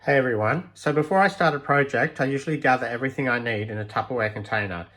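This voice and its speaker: Speaking quickly at a medium pitch with a slightly bright tone, this man shows off an electronics build he made himself. It's an informal, unrehearsed walkthrough, and he hesitates as he thinks out loud.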